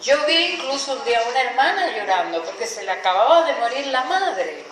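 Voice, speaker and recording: A woman pastor preaching a sermon in a lively, repetitive way, asking her listeners questions. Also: fairly high pitch, fairly quick, crowd noise. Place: large echoey church hall. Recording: very echoey hall with faint background noise.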